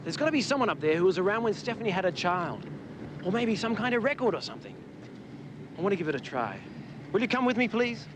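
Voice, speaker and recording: A man's voice: high voice, big pitch swings, quick pace. An actor playing an earnest, lovesick man pleading urgently in a television drama. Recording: noisy outdoor sound with boat engine.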